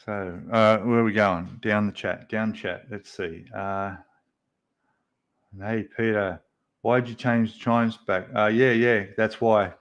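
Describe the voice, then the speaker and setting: A man's voice: on the low side, steady tone, slow, dull audio. A man, hosting a casual livestream and chatting with viewers in a rambling way with many fillers. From Australia. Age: 50s. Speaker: livestream host.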